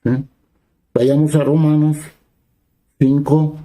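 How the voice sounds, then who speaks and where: Dark-voiced male preacher. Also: on the high side, flat delivery, takes it slowly, rough recording. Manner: reads scripture aloud, then explains it in plain conversational words; asks the listeners brief rhetorical questions. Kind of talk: sermon.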